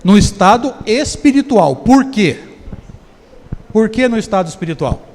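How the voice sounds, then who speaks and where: A man's voice: sits high, very animated, unhurried, a little mellow, a little hiss or hum. A man with a Brazilian Portuguese accent giving a conversational seminar lecture, often putting questions to the audience. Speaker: spiritist lecturer. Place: lecture hall. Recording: long hall reverb.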